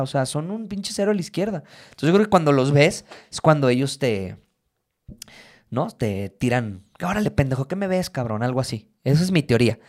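Mexican man telling stories in casual chat. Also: medium pitch. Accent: Mexican Spanish. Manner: animated storyteller, swears freely.

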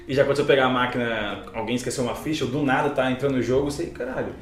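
Relaxed male co-host, reactive and quick to laugh. Mid pitch, recorded roomy and distant. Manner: easygoing, reactive, laughs along. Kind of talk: casual chat.

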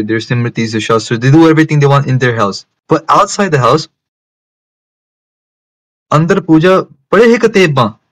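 Man, medium pitch, religious teacher, lecture style, emphatic repetition, mixes into English. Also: rough recording. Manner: repeats and rephrases phrases for emphasis; switches between English and Punjabi. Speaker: religious teacher giving a talk.

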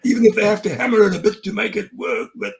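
A man's voice: sits high, steady tone, quick pace, creaky, poor audio. A man as an interview guest, telling sales stories in a chatty way, chuckling often and doubling up words as he starts sentences. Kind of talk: conversational interview.

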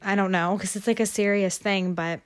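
A woman's voice: medium pitch, fairly even intonation, moderate pace. A young woman chatting casually on a solo podcast, rambling as she thinks aloud, with a stuffy nose and short of breath from a cold, breathing through her mouth. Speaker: podcast host.

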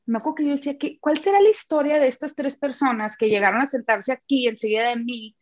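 Storytelling woman, slightly high voice. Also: fast talker, no room sound. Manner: animated, re-enacts dialogue, repeats words. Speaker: guest. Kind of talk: emotional personal storytelling. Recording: muffled lo-fi sound.

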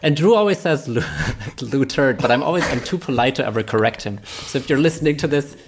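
A man's voice: mid-range voice, animated, fast talker, a little hiss or hum. Hesitant man, chatty. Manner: hesitant, many restarts, self-deprecating humor. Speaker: podcast guest, illustrator. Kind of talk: casual chat.

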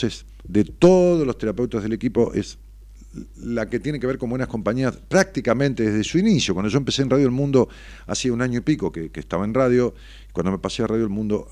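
A man with a Rioplatense Spanish accent, a psychologist hosting a late-night radio show, talking in an animated way with rhetorical questions and fillers. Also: on the low side, quick pace, no room sound.

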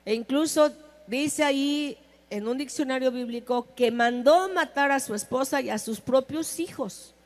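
A woman's voice: high-pitched, unhurried, long reverb tail. A woman giving a sermon, speaking emphatically and putting questions to her listeners. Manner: emphatic, asks the audience questions. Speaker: preacher.

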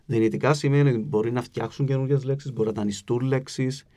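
A man's voice: mid-range voice, steady tone, mellow. A man with a Cypriot Greek accent, giving patient, explanatory interview answers as a linguist guest, with frequent hesitation sounds. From Cyprus. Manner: patient, explains with spoken examples, many filler "e" sounds.

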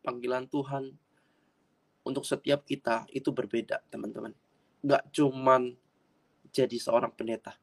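A man preaching a personal testimony sermon in an earnest way, with sudden loud bursts of emphasis and frequent repetition. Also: mid-range voice, little pitch movement, moderate pace, gravelly, long pauses. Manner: addresses audience as friends, repeats himself.

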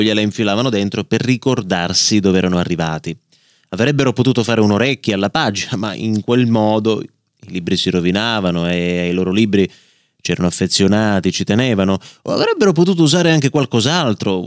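A man hosting a podcast, reading a children's story aloud in an expressive, lively storyteller's manner. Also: fairly low pitch, no echo, studio quality. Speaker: podcast host.

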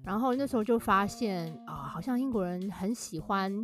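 A woman's voice: medium pitch, animated, moderate pace. A woman guest and author, explaining things in a casual podcast conversation and laughing often.

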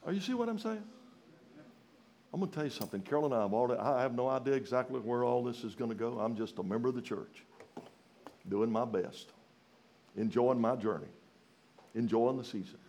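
Southern guy preaching a sermon, folksy n emphatic, mid pitched voice, goes from loud to hushed, bit of background noise. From Louisiana, rural. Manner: folksy, rhetorical questions to the congregation; emphatic, swinging from raised exclamations to hushed, slow phrases.

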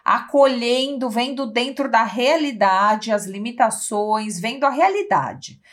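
A woman's voice: fairly high pitch, animated, measured pace. A woman with a Brazilian Portuguese accent, co-hosting a podcast and explaining ideas in casual chat. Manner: explains with many "né?" tags and acted examples. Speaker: podcast co-host.

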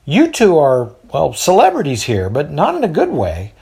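Brief: high, shrill, fussing mom, bossy, lively and animated. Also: female voice, normal speed, gravelly, full character voice. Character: fussy, shrill mother fretting over guests.

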